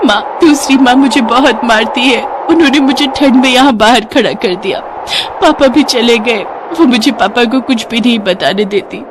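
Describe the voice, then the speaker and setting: Small pleading girl for a cartoon story, voiced by a woman, high and tearful. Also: normal speed, noisy background, close to an everyday voice. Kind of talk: animated storybook voice acting.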